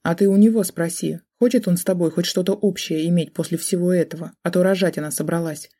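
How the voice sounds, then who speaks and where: A cold, contemptuous middle-aged mother in an audiobook, voiced by a woman reader. She talks in a sarcastic, scornful way, with a dark, husky tone. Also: on the low side, fairly even intonation, fast.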